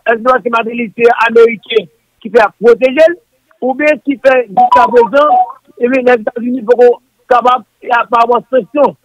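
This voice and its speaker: A man's voice: extremely high pitch, no echo. A man talking politics on a call-in show, repeating himself and speeding up as he stumbles over words. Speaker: political commentator. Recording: dull, dry lo-fi audio.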